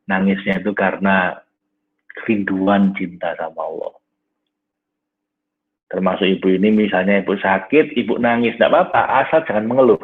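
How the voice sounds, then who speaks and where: Low, husky man teaching over a tinny line. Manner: warm, conversational lecturing, often says "Nah" and addresses "Bapak Ibu". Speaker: teacher of an online class. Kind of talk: live online class with questions from listeners. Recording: tinny phone-like audio.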